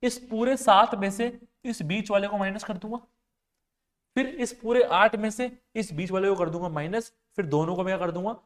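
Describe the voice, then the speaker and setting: High-voiced man teaching a maths lesson. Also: normal speed. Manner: explains step by step, often asks students if they understood. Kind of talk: exam-prep classroom lecture.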